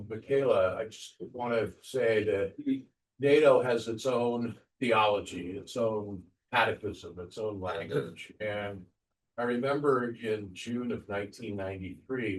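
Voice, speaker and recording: A middle-aged or older man moderating a panel, giving a measured introduction with anecdotes. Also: lowish voice. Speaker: panel moderator, former speechwriter. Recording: distant mic with faint room noise.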